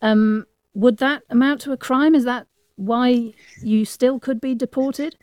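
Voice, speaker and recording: A woman's voice: fairly high pitch, steady tone, measured pace, a little mellow, no echo. A woman interviewer asking probing, challenging questions in a broadcast news interview.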